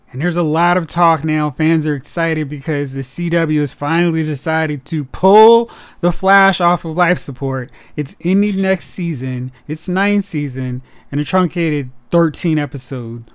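A man in casual podcast chat, wry and quick with jokes. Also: on the high side, smooth, no room sound. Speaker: podcast co-host. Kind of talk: casual chat about superhero movies.

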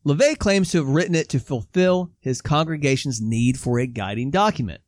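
Male co-host, higher-pitched voice with lively swings, dry close sound, reads notes then cracks jokes. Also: a little fast, dry recording. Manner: animated, laughs often, reads facts then jokes. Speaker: podcast co-host. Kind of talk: casual chat, reading from notes.

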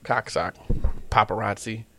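A young man hosting a casual, crude podcast, joking loudly and excitably. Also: on the low side, measured pace, slight background noise. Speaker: podcast host.

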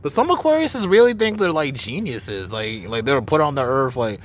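A man's voice: medium pitch, very animated, moderate pace. A man hosting a podcast, chatting casually in a slangy, easygoing way and laughing often. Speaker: podcast host. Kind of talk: casual chat.

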